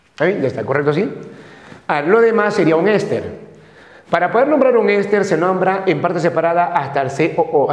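A man from Peru lecturing a chemistry class, who repeats each term and keeps checking that the students follow. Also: on the high side. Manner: repeats terms, checks with frequent questions. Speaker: chemistry teacher. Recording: echoey classroom with long reverb.

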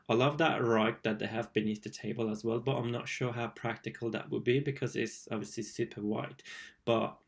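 Young man, flat steady pitch, rambling enthusiastic design commentary, small room at home. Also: brisk, creaky. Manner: rambling, enthusiastic, many fillers and restarts. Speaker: interior designer reacting to a video. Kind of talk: casual reaction commentary.

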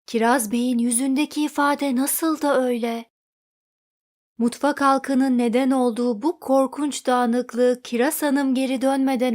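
A woman narrating a children's storybook in an expressive read-aloud manner. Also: fairly high pitch.

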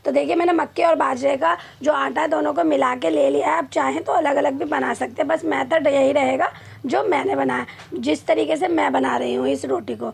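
A woman's voice: high-pitched, fairly even intonation, brisk, creaky. A woman hosting a cooking channel, giving a home cooking demonstration and explaining each step over and over while she kneads the dough. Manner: repetitive, instructive, talks while kneading dough. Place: home kitchen with a clay stove.

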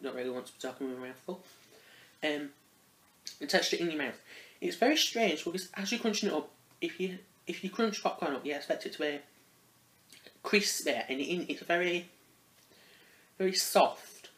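A man's voice: fairly high pitch, expressive, moderate pace, pauses often, fairly bright tone. A man giving a casual spoken product review, rambling and hesitant, often restarting his phrases. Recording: roomy echo.

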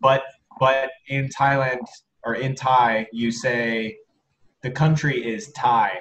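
A man's voice: medium pitch, fairly even intonation, slow, a bit bright, echoey room, poor audio. A man from the United States with an American accent, chatting casually and repeating words as he explains. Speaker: English teacher as podcast co-host. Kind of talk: casual chat.

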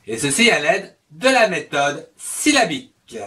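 A man introduces himself as a teacher and presents his reading method. His voice is high and bright, and he speaks slowly. He sounds set back from the microphone. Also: big pitch swings, far from the mic. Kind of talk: scripted introduction.

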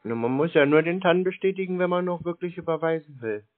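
A prank caller baits scam call centers in a casual phone conversation, laconic and teasing. His voice is on the high side and expressive, and he talks fast. The band-limited phone-call audio has no room sound.

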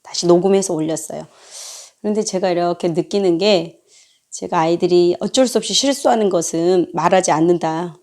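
A woman's voice: on the low side, brisk, mellow. A middle-aged woman and mother hosting a parenting talk, sharing a family story in a candid, earnest way. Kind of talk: casual talk.

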